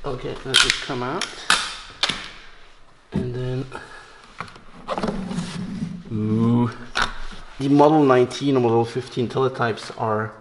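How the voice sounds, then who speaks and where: Narrating a hobby electronics demonstration in a casual way, the host of an electronics restoration channel brings playful, wry humor. His voice is gravelly and of medium pitch, with background noise in the recording.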